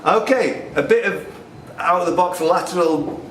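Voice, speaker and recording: A quiz host and question setter reads questions out to players, tossing in jokey asides. His voice is high-pitched and a bit bright, at a moderate pace, captured in a noisy, echoey room.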